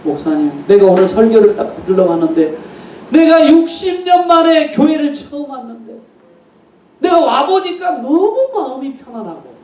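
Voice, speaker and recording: Man doing a polite humble old businessman, mellow voice, echoey hall. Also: very high-pitched, sing-song, moderate pace, a little hiss or hum, voice pushed up. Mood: earnest. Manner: earnest, polite. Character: humble, grateful older male businessman. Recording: echoey hall, mic far off.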